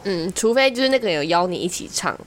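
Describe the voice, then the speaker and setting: A woman's voice: medium pitch, animated, fast, slight background noise. A young woman, co-hosting a casual chat in a playful, blunt way and mixing in English phrases.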